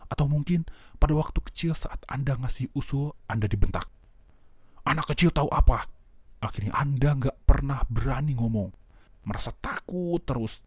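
A man's voice: medium pitch, normal speed, slightly rough, dry recording. A man giving a self-help lesson, speaking directly to listeners and asking them questions. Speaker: motivational speaker.

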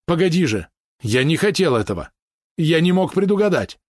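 A man voicing a shrill young prince in an audiobook, shouting and pleading. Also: big pitch swings, normal speed, no room sound, studio quality. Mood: shrieking. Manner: screeching, pleading.

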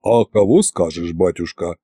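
A burly, plain-folk governor, as a male narrator voices him speaks low and quiet in an audiobook tale, gruff yet deferential to his superior. The voice is mellow and dark, recorded close and dry. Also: moderate pace, no room sound.

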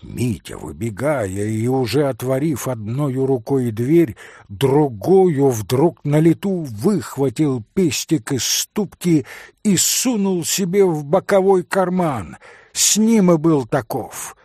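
A man narrating a classic novel as an audiobook in a dramatic, expressive storytelling manner. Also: mid-range voice, slow, slightly rough, no echo, clean studio sound.

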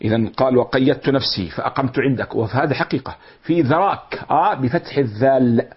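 Husky-voiced man lecturing. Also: medium pitch. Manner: explains slowly, repeating and glossing words. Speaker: teacher. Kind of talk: lecture explaining classical poetry. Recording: dull lo-fi recording.

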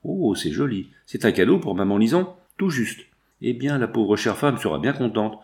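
A man's voice: medium pitch, expressive, normal speed, darkish tone, natural voice. A man voicing a cheerful young woman who serves at an inn, chatty and eager, in an audiobook reading.

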